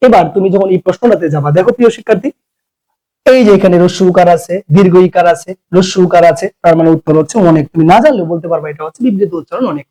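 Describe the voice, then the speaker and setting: A man's voice: high-pitched, rapid-fire, dark tone, poor audio. A man teaching an exam-prep lecture, coaxing students and repeating rules.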